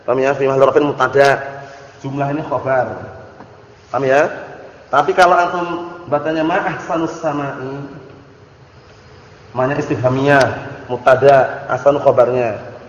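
A man, a religious teacher, giving a classroom lecture on Arabic grammar. He recites the Arabic slowly, explains it, and keeps checking that students follow. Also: medium pitch. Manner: keeps checking understanding with quick questions. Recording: echoey hall, dull lo-fi audio.

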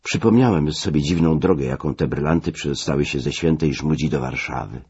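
A man narrating a memoir audiobook in a measured, wry storytelling manner. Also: rumbling low, mellow, breathy edge. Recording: dull lo-fi recording.

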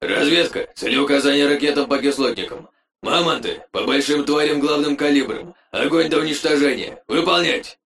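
A man voicing a gruff male military commander who barks orders over a combat radio link. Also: a little high, moderate pace, a bit bright, roomy sound. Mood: commanding. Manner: barked commands, growling. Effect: heard over a combat radio link.

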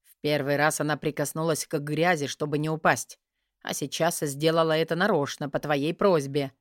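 A woman's voice: low-pitched, fairly even intonation, moderate pace, no echo, clean studio sound, pitched below the performer's own voice, natural voice. Woman doing a stern protective male dragon. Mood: explaining. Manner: firm, curt.

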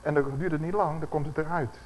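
A man preaching a sermon, acting out the voices he quotes and slowing down for scripture. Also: fairly high pitch, fairly even intonation, long reverb tail, a little hiss or hum, low-quality recording.

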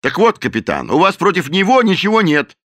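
A man's voice: high-pitched, wildly swooping pitch, brisk, a bit bright, no echo, studio quality, voice pushed up, exaggerated voice. A man voicing an indignant, commanding millionaire who firmly threatens a police captain.

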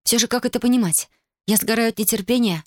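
Cheeky teenage girl, read by a woman, high and lively, dry close sound. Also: quick pace, no echo, natural voice. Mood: teasing. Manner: mocking, giggly, exclaiming. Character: playful teasing teenage girl.

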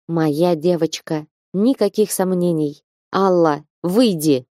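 A gruff, bearded dwarf father with a low, bass-leaning voice and curt, blunt phrasing, as a woman reads him in a storybook. The sound is dry and close, with a mellow, dark tone. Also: slow pace, dry recording. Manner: curt, matter-of-fact. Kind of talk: audiobook character voice.

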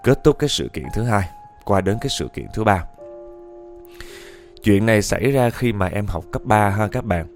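A man tells a ghost story in a chatty, conversational way. He keeps speaking straight to his listeners as he reads the tale aloud, with soft music playing faintly behind him. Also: lowish voice, lively intonation, moderate pace, pauses often. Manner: chatty storytelling, often addressing the listeners directly.

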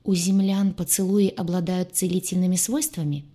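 Brief: woman reading a jittery, chubby alien medic, husky low voice, anxious and excitable. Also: normal speed. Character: chubby nervous male ship doctor, awed.

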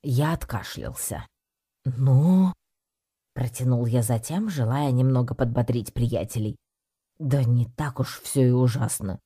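Very low, dark-voiced woman narrating. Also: moderate pace, breathy edge. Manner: wry, storytelling. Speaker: audiobook narrator. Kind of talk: scripted first-person narration.

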